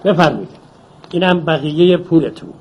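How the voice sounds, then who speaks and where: A man playing a chatty shopkeeper in a dubbed drama, brisk and sales-talking. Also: on the high side, animated, slight background noise, lightly acted, rough recording. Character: chatty small-town grocer.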